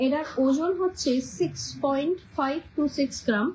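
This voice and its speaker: Chatty high-voiced Kolkata Bengali woman. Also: a little fast, a little mellow, slight background noise, rough recording. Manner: chatty, repeats every weight and price twice. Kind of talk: casual live-stream sales chat.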